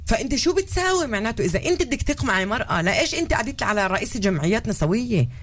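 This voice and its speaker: A woman's voice: fairly high pitch, big pitch swings, rapid-fire. A woman with a Palestinian Arabic accent speaking bluntly as a guest in a live discussion. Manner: blunt, outspoken. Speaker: talk show guest.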